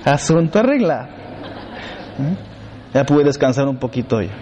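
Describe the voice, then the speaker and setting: A man's voice: medium pitch, very animated, moderate pace, dark tone. A man, a priest giving a sermon in emphatic repeated lists, with humorous storytelling asides. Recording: long hall reverb, faint background noise.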